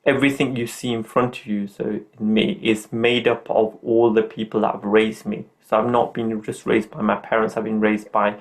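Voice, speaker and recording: A man's voice: lowish voice, level tone, moderate pace, hardly any pauses. A middle-aged man hosting a podcast, talking in an earnest, upbeat, motivational way. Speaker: podcast host.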